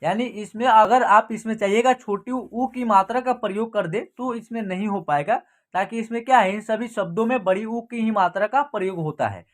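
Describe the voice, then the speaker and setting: A woman teaching Hindi reading in an online lesson. She reads each word slowly and clearly, then explains it quickly, and repeats every sentence for the learner. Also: mid-range voice.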